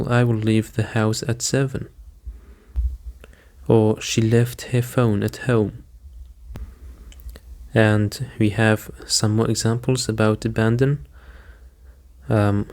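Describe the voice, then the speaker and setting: Slow flat-voiced man teaching vocabulary. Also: on the low side. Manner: slow, flat and deliberate, repeats each word. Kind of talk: slow scripted vocabulary lesson.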